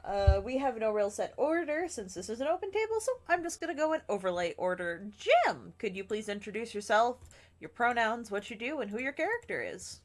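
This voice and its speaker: A woman's voice: a little high, very animated, fairly quick. Casual woman running a tabletop game. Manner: loose, hesitant, many fillers. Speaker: game master.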